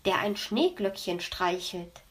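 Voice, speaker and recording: A woman voicing a cheerful, teasing female elf in a children's audiobook, explaining and joking in a lively way. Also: mid-range voice, slow pace. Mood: instructive. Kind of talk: audiobook reading.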